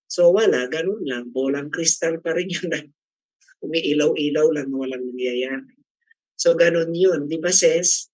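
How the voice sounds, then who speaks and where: A man's voice: on the high side, measured pace, darkish tone, no room sound, lo-fi sound. A middle-aged man leading a casual class discussion, chatty and teasing, often asking the group questions. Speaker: class facilitator.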